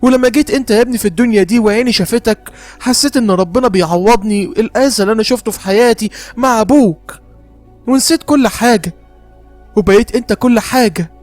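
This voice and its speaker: A wronged, long-suffering Egyptian mother, voiced by a man in a raised register. She speaks with an Egyptian Arabic accent in quick, pleading, emotional bursts over faint music, in a close, dry recording. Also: high voice, darkish tone, dry recording, close to an everyday voice. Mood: tender. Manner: emotional, pleading, rapid outbursts. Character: long-suffering middle-aged Egyptian mother, bitter but devoted. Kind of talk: horror story narration.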